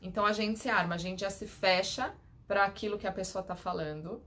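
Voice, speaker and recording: A woman's voice: medium pitch, steady tone, a little fast, pushed and bright. A woman psychologist with a São Paulo Brazilian accent explains communication skills to her audience. Her voice sits in an ordinary middle range. She teaches step by step and keeps checking that her viewers follow. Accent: Brazilian Portuguese, São Paulo. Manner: didactic, checks in with listeners. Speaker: clinical psychologist. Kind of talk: direct-to-camera teaching tips.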